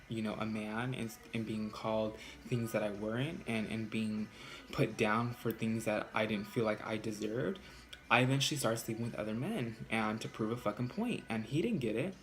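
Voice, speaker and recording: A man in a casual storytime vlog, talking fast and loose with plenty of cursing. He sits at an ordinary middle pitch but jumps sharply upward when he quotes people. Faint background noise runs under his voice. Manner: animated, profane, jumps high in pitch when quoting arguments. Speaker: vlogger.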